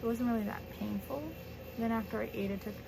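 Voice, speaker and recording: A woman's voice: fairly high pitch, flat delivery, quick pace. A young adult woman giving a casual, rambling, conversational update to camera as a vlogger. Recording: clearly noisy home camera recording.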